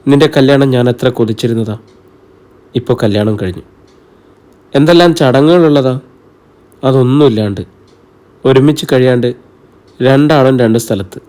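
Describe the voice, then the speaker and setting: A man's voice: medium pitch, normal speed, pauses often, dark tone, lightly acted. A man voicing a tearful middle-aged mother in a novel reading. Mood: sorrowful. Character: weeping middle-aged mother, grieving and plaintive. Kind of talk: audiobook character reading.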